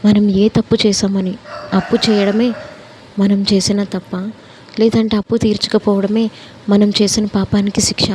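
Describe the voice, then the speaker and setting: A woman's voice: medium pitch, flat delivery, moderate pace, a little mellow, a little hiss or hum, natural voice, poor audio. A woman voicing a distressed middle-aged mother, tearfully questioning her husband.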